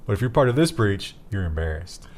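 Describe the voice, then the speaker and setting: A man's voice: sits low, sing-song, a little fast, a little mellow. A man co-hosting a casual tech news chat, making wry, joking asides. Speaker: co-host.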